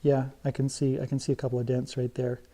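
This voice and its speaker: A middle-aged man teaching guitar in a relaxed, chatty way, thinking aloud as he works. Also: medium pitch, fast talker. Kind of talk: casual how-to lesson while working.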